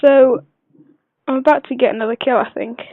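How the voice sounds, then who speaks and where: A woman who is unwell gives a casual gameplay tutorial voice-over, speaking quietly but clearly in a hesitant, rambling way. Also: high-pitched, steady tone, brisk, no room sound. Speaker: gaming video maker. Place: voice-over recorded at a computer. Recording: dull lo-fi computer recording, dry.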